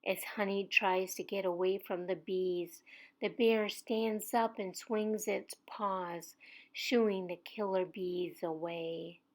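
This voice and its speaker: A woman reading a children's story aloud, soft and at times whispering. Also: medium pitch, fairly even intonation. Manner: slow, soft, sometimes whispering.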